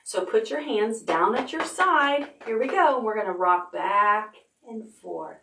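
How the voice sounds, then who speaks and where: Her voice is medium-pitched, expressive and a little gravelly as this middle-aged woman leads toddlers through a library storytime at a slightly slow pace. Reading aloud and calling out action rhymes, she uses an exaggerated sing-song delivery. Background noise, a roomy echo and occasional music fill the indoor space, which has stuffed animals and a painted backdrop.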